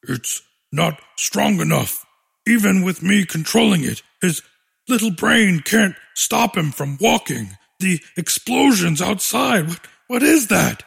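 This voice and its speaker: A man's voice: sits high, slow, vocal fry, husky, full character voice. A man voicing a small scaly boy monster who speaks steadily and gives orders. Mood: strained. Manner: steady, commanding. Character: calm, scheming little scaly boy monster.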